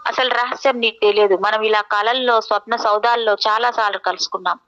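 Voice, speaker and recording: A woman reading the part of a calm, loving young woman spirit who explains things softly in an audiobook. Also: a little high, brisk, highs cut off, natural voice. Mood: soothing.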